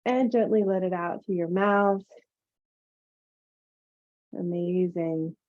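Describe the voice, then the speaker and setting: A woman teaching yoga and meditation, guiding relaxation in a gentle, soothing murmur with pauses. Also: fairly low pitch. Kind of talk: guided meditation instruction. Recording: phone-like narrow-band sound.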